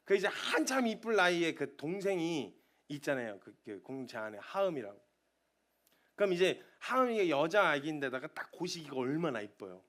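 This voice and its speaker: A man in his thirties delivers a sermon in a church. His voice sits high and climbs and falls in wide sweeps. He often turns soft and confiding, then builds to loud, impassioned appeals. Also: sing-song, normal speed. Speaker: missionary preacher. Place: church sanctuary.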